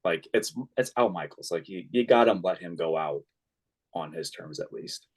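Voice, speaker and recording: Male co-host, very deep voice, easygoing topic-setter. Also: normal speed. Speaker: sports podcast co-host. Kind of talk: casual chat.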